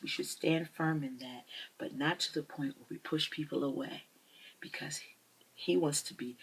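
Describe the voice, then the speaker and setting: Middle-aged lady preaching, low gravelly voice, bit husky, soft music behind. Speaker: speaker. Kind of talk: inspirational talk.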